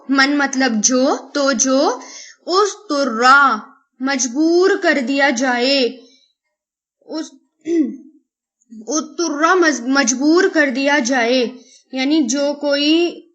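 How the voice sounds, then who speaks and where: Woman, Quran teacher, high voice, word-by-word explanation, patient. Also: a bit bright. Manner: slow, explains each Arabic word, then glosses it in Urdu with English words mixed in; asks rhetorical questions to the listener. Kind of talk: word-by-word Arabic grammar and tafseer lesson.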